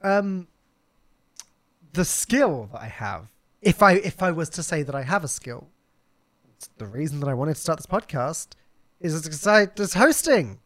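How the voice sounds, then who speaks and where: A man's voice: a little high, sing-song, measured pace, long pauses, dry recording, clean studio sound. A man hosting a live podcast, chatting casually, laughing often and talking with lots of fillers and restarts. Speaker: podcast host.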